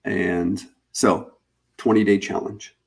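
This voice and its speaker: A man hosting a live webinar, pitching a paid challenge in a casual, chatty way, repeating and restarting phrases as he goes. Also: steady tone, slow, creaky. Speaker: webinar host.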